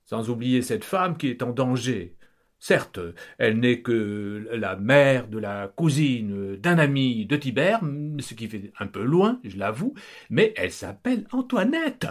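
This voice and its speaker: A man voicing a bossy, excitable aristocratic countess who talks shrill and hurried.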